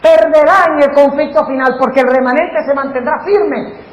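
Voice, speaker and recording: Animated preacher in an echoey hall. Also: male voice, very high-pitched, moderate pace. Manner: animated preaching, asks the congregation questions. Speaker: pastor. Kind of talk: sermon. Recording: echoey hall with faint noise.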